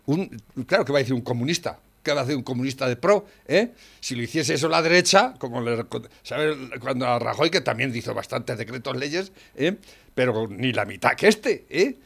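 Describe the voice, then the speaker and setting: Man, Spanish accent, blunt swearing rant in casual talk, rises to near shouting. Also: mid-range voice, lively intonation, brisk, vocal fry, breathy edge. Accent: Spanish from Spain. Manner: blunt, swears freely, rants loudly with frequent "¿eh?". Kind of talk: casual political chat.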